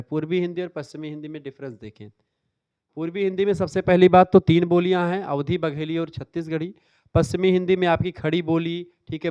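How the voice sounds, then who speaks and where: A man's voice: on the high side, a little mellow, smooth, no echo, dull audio. A male teacher giving an exam revision lecture, explaining step by step and checking in with "theek hai". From northern India. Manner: explanatory, repeats "ठीक है" often.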